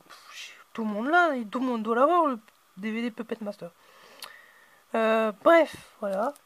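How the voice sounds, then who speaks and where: A man hosting a casual unboxing video, hesitant and filling his pauses with "euh" and "voilà". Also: very high-pitched, fairly bright tone, dry recording.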